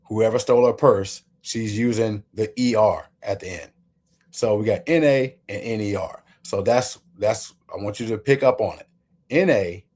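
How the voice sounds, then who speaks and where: A male host with a low-set voice delivers opinion commentary. He is emphatic and takes the listener through his points one step at a time. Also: a little mellow.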